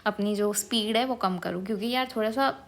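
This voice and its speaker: A young woman teaching an online exam-prep class at a mid-range pitch. She reads out definitions slowly and carefully, then switches to quick, chatty explanations with frequent check-ins. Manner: fast-talking, checks in with frequent "okay". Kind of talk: online lecture.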